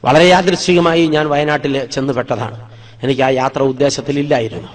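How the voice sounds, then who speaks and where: A man's voice: mid-range voice, steady tone, a little fast. A man from Wayanad in Kerala, a priest preaching a sermon, telling his own life story dramatically and acting out the scenes.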